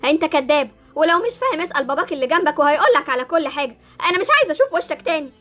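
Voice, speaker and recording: A woman's voice: high voice, expressive, very fast, pushed and bright, faint music behind. A woman voicing a proud, emotional young woman in an Egyptian Arabic Roblox drama, who talks dramatically and defiantly. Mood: angry. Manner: dramatic, swings between pleading and defiant.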